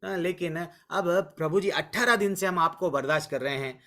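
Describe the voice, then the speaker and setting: A man's voice: high voice, moderate pace, a bit bright. A man teaching a devotional scripture class, earnest and coaxing, who repeats words for emphasis and mixes in English words. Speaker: Bhagavad Gita class teacher.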